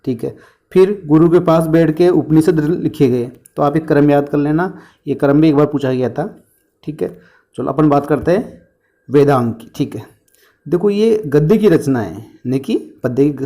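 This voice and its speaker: Brief: male exam coach with a lilt, mellow tone, answers his own questions with mnemonics. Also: fairly high pitch, moderate pace. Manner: explains with questions and answers to himself; uses memory tricks and jokes. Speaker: teacher. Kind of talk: exam-prep history lesson.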